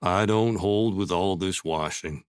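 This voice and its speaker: Eeyore, a deep, gloomy old donkey. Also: male voice, clear, resonant tone, no room sound, studio quality. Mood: grumbling. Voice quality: slow, low, mumbling grumble. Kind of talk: full-cast audiobook acting.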